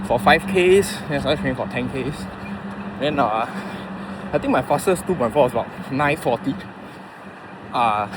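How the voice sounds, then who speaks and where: A man in his thirties with a Singaporean accent, rambling casually to a vlog audience in a halting, informal way, thinking aloud. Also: medium pitch. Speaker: running vlogger. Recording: clear outdoor traffic and vehicle noise.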